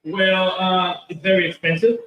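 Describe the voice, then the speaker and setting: In a convention hall, a man being interviewed about his comic book speaks in a high-pitched, flat voice at normal speed. He rambles with many fillers and false starts. The distant, off-mic recording is dull with a roomy echo.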